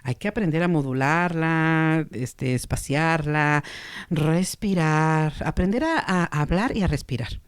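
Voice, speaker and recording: A woman psychotherapist, teaching calmly and carefully on communication, now and then acting out quoted voices. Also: low voice, smooth, no echo. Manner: calm, measured, with playful acted quotes.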